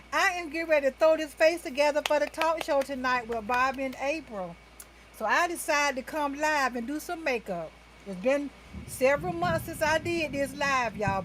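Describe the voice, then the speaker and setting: A talkative woman with a slightly high voice chats through a casual livestream from indoors at home. She keeps calling her viewers y'all and speaks in a loose, unscripted way as she does her makeup. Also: a little hiss or hum, rough recording. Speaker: talk show host doing a makeup livestream.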